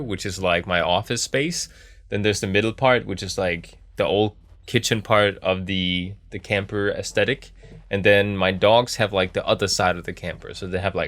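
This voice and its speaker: A man's voice: low-pitched, fairly bright tone, no room sound. A man giving casual, joking game commentary, thinking aloud in a laid-back, rambling way as he streams. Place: small office in a camper.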